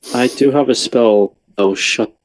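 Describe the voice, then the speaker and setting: A man's voice: mid-range voice, unhurried. A man playing a tabletop game over a voice call, his audio crackly and cutting out, speaking in terse, dry remarks. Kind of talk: casual play over a voice call.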